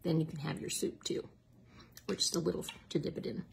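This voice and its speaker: A woman's voice: deep voice, fairly even intonation, a little fast, gravelly, a little hiss or hum. A middle-aged woman, chatting casually and self-mockingly as a diet coach in a cooking vlog. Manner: chatty, self-mocking, drops to a whisper at times.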